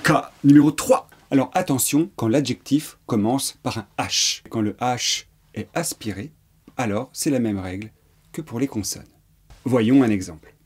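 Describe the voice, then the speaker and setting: A man's voice: mid-range voice, measured pace, darkish tone, slightly rough. A man teaching French grammar in a patient lesson, repeating examples and spelling words letter by letter. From France. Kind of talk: slow explanatory lesson.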